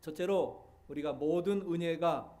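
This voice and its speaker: A middle-aged man from Seoul, a pastor delivering a sermon in a measured way, pausing often with fillers. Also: a little high, dark tone. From Seoul, South Korea. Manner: measured preaching with frequent filler pauses.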